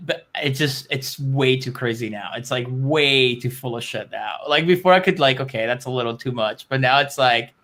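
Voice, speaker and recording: Man, medium pitch, casual co-host chat, rambling, opinionated, sweary. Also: moderate pace, few pauses, a bit bright. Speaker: show co-host.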